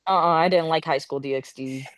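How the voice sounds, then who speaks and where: A woman's voice: low-pitched, a little fast, dry recording, clean studio sound. A young adult woman talking as a podcast guest in casual, blunt, slangy and profane chat. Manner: blunt, informal.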